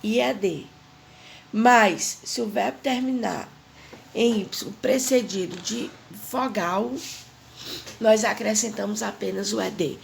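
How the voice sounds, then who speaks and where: A woman, teaching an English grammar lesson slowly and repeating the rules while stressing the example words. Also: mid-range voice, creaky, a little hiss or hum.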